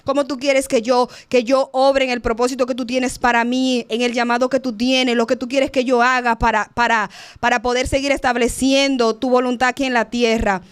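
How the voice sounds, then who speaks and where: A woman with a high, smooth and clear voice co-hosts a faith discussion program. She speaks in an animated, expressive way and often acts out her examples. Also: normal speed, few pauses.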